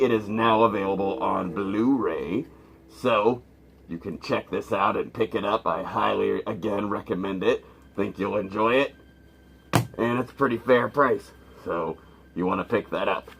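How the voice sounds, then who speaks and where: Slow gravelly man, vintage horror host. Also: on the low side. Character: zombie horror host addressing his kiddies. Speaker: horror movie show host. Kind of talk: vintage horror host patter, casual and rambling.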